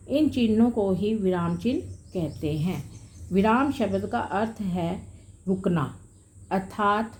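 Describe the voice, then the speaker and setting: A woman's voice: medium pitch, a little mellow. A woman teacher giving a grammar lesson to pupils, calling them children and dear and explaining with worked examples.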